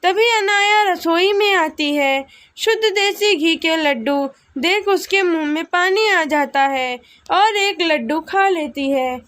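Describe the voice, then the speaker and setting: A woman's voice: very high-pitched, slow, fairly bright tone. A woman narrating a family storybook tale in a scripted storytelling manner.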